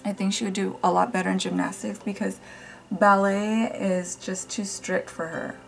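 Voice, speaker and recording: A young woman chatting casually while doing her makeup at home, her voice raspy from just waking up, rambling with fillers and small laughs. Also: mid-range voice, flat delivery, moderate pace, soft background music, low-quality recording. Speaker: beauty vlogger. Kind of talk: casual get-ready-with-me chat. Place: home room with family nearby.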